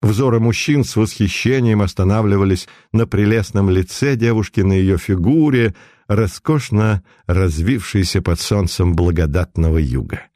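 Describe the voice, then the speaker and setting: A man's voice: fairly low pitch, normal speed, dark tone, dry recording, clean studio sound. A man reading a story aloud as scripted narration, telling it expressively. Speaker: audiobook reader.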